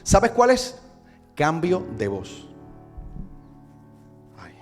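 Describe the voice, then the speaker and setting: A man preaches a sermon in a church, his voice pitched high for a man. He keeps throwing rhetorical questions at the congregation. Soft instrumental music plays faintly behind him. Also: huge pitch swings, drawn-out words. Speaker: pastor.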